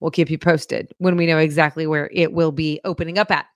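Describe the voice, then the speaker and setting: A woman co-hosting a local news show in a chatty, upbeat and animated way. Her voice sits a little low, and the recording is dry and close, with no room sound. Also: a little fast, dry recording. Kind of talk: casual local news chat.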